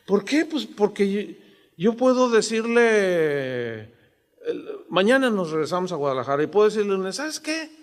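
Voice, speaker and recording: A pastor in his sixties with a Mexican accent preaches conversationally and keeps asking his listeners rhetorical questions. His voice is high for a man, and the long reverb of a church hall follows every phrase. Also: lively intonation, moderate pace. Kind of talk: sermon.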